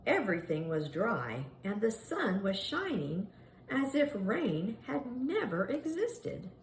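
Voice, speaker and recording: A woman reading a children's picture book aloud in an expressive, dramatic storytelling manner meant for young children. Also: medium pitch, takes it slowly. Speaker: storybook reader. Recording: echoey room with faint background noise.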